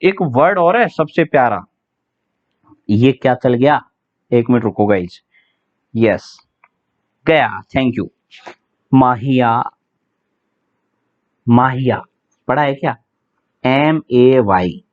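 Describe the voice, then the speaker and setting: A man's voice: mid-range voice, animated, slow, long pauses. A man teaching English vocabulary for an exam, chatting with students, asking them questions and spelling words letter by letter. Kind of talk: online exam-prep vocabulary lesson. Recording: tinny phone-like sound.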